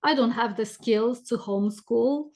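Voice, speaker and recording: The speaker, a middle-aged Romanian-accented business coach, is a podcast guest telling stories in a conversational interview. Her voice is a little high and a bit mellow, and she keeps a measured pace.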